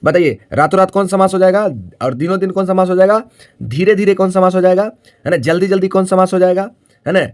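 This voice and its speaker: A man with a fairly high voice teaches a grammar lesson in classroom style. He repeats key points, poses questions to the students and answers them himself, checking often that they follow. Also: fast, a little mellow. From Bihar, India. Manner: frequent tag question "है ना".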